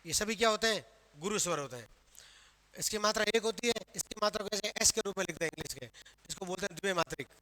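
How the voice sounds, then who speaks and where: A man's voice: sits high, quick pace, bright, forceful tone, slight background noise. A man with a Rajasthani Hindi accent teaching a grammar class, quizzing students with questions he answers himself. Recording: long reverb of a hall.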